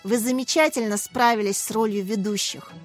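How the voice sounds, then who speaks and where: A woman's voice: a little high, steady tone, a little fast, faint music behind, lightly acted. A woman voicing a kind young female class teacher who encourages her pupils. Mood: encouraging.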